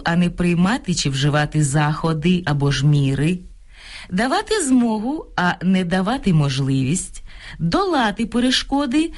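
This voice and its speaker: A woman presenting a language program on radio, reading a script clearly and instructively, listing correct and incorrect phrases. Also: on the low side. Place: radio studio.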